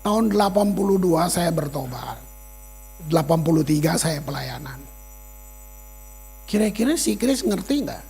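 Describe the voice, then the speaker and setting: Husky middle-aged pastor guy from ambon, preaching, telling stories in slang and doing other people's voices. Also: on the high side, moderate pace, pauses often. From Ambon, Indonesia. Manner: lively storyteller, mixes casual slang and acts out quoted voices. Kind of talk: sermon with personal stories.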